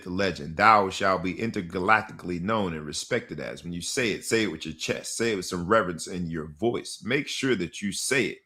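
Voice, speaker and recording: A man hosting a sports talk podcast, hyping the intro with dramatic announcer-style delivery. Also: deep voice. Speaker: podcast host.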